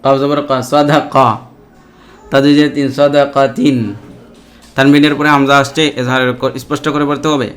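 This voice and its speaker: Man spelling out Quran letters slowly. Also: fairly high pitch, monotone. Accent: Bangladeshi Bengali. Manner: slow, measured letter-by-letter spelling with short rule explanations. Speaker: Quran reading teacher. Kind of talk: spelling out Quran recitation lesson.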